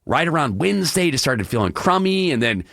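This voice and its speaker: Hoarse, frog-throated male radio host. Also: big pitch swings, brisk, fairly bright tone, dry recording, studio quality. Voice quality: deeper than usual, frog-throated. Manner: projecting from the diaphragm, emphatic opinionated delivery. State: hoarse, congested voice. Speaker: radio talk show host. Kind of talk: solo radio talk monologue. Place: radio studio.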